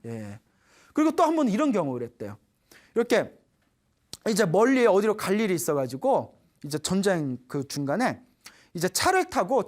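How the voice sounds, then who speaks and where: A woman who is a Buddhist nun gives a dharma talk to a studio audience, telling stories in an animated way and putting questions to her listeners. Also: medium pitch.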